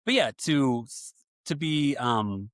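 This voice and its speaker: A man's voice: mid-range voice, animated, slow, no echo, clean studio sound. A man from the American Midwest hosting a casual podcast, talking earnestly and chatting as a father. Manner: earnest, chatty, agreeing often.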